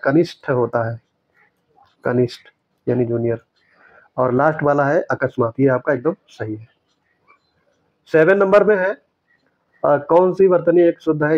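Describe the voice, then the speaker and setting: A man teaching, going through exam questions and correcting each answer step by step, repeating the right words slowly. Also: mid-range voice, dry recording. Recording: dry, dull lo-fi sound.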